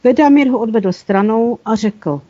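Woman narrator, warm low-toned reading voice, steady storybook delivery; dry, dull lo-fi recording. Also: dry recording. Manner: steady reading with small slips she corrects. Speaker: audiobook narrator. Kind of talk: scripted narration.

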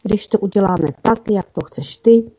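A woman's voice: medium pitch, dark tone, lightly acted. A woman voicing a clever young girl who explains things matter-of-factly, read in a storybook. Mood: explaining. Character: clever young girl from the fox den, knowing. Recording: dull lo-fi recording.

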